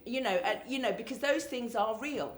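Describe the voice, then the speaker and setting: A woman's voice: on the high side, moderate pace, a crowd in the background. Woman speaking in an echoey room. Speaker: panel speaker, actor. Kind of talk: conversational panel talk.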